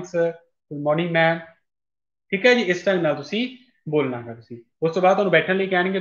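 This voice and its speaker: A man's voice: high voice, fairly bright tone. A man with a Punjabi accent teaching a class, explaining patiently and repeating his points, dropping in English phrases. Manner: repetitive, instructive, mixes English phrases in. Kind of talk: classroom lesson. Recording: echoey room, dull lo-fi sound.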